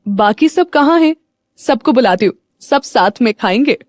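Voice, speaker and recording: A woman's voice: a little high, lively intonation, normal speed, dry recording, clean studio sound, lightly acted. A woman narrator voicing a cheerful, playful young woman who teases her family and turns earnest about her brother. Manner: bubbly and teasing, earnest when alone.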